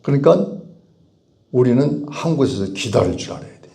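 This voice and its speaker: Emphatic preaching pastor, animated. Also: male voice, normal speed, gravelly. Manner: animated preaching with rhetorical questions and emphatic repetition; bursts out to dramatize cries, then drops low. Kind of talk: sermon.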